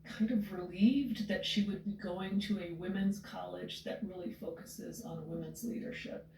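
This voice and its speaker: A woman's voice: lowish voice, fairly even intonation, moderate pace, gravelly, darkish tone, distant mic, a little hiss or hum. A middle-aged woman, mother of a student, speaking reflectively with small hesitations. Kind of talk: news interview statement. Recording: roomy sound from off mic.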